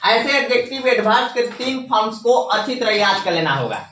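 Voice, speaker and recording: A man's voice: high-pitched, sing-song, pushed and bright, slight background noise. Man teaching, quizzing a class. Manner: drills students with quick call-and-response questions. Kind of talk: classroom grammar lesson. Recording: echoey classroom from far off.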